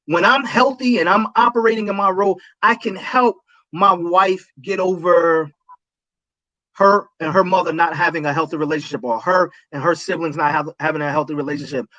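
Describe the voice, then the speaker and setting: A man's voice: high-pitched, fairly quick, pushed and bright, no room sound, muffled recording. A man speaking as a pastor in a casual livestream talk, preachy and emphatic, repeating his key points.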